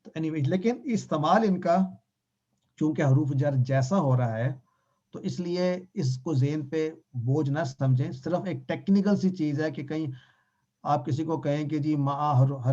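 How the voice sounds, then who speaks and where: Guy teaching a quran class online, relaxed, drops english bits in, warm low-key tone. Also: muffled recording. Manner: mixes English phrases into Urdu, relaxed explanatory. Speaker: Quran and Arabic grammar teacher.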